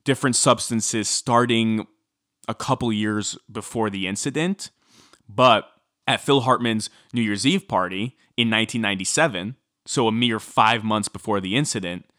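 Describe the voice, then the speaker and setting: A man's voice: fairly low pitch, normal speed, no room sound, studio quality. Chatty man telling a true-crime story. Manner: chatty, filler-heavy, animated when quoting. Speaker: podcast co-host.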